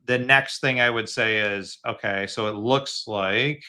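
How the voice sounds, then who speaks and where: A lowish, bright-toned man hosts a video call and coaches fan designers on their models. His delivery is casual and encouraging, and he often backs up and restarts his phrases as he thinks out loud. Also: measured pace. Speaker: host giving feedback to fan designers.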